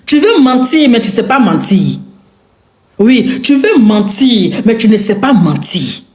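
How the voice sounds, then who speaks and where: A woman's voice: fairly high pitch, big pitch swings, measured pace, a little mellow. A woman with an Ivorian French accent giving a confrontational rant to camera. She repeats her lines for emphasis and throws insults. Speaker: online commentator. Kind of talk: angry direct-to-camera rant. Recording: echoey room.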